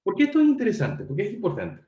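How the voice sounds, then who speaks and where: Quick-paced and high, his voice swoops wildly in pitch, set in an echoey room with dull audio. The man teaches an online university lecture, casually addressing students and correcting himself as he speaks.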